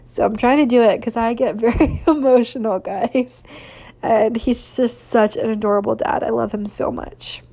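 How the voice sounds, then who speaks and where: A woman's voice: fairly high pitch, moderate pace, creaky, mellow. A woman hosting a podcast, chatting casually and sentimentally, gushing with lots of fillers. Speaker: podcast host. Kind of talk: casual solo podcast chat.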